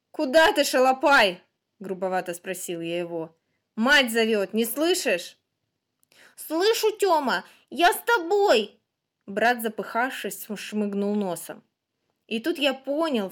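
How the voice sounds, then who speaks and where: A woman, the author, reading her own short tale in a measured, expressive storytelling voice. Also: medium pitch. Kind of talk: scripted storytelling narration.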